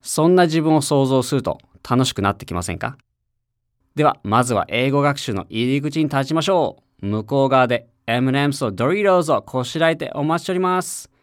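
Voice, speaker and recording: A man's voice: mid-range voice, expressive, brisk, dry recording, studio quality. A man from Japan, an English teacher, narrating a scripted lesson for an audio CD and encouraging listeners to repeat after him.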